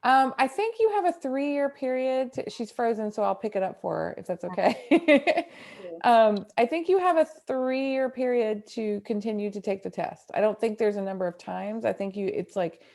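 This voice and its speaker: A woman's voice: mid-range voice, animated, moderate pace, vocal fry, a little mellow. A woman, a portrait photographer, chatting and explaining casually on a video call with plenty of fillers. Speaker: guest speaker, portrait photographer.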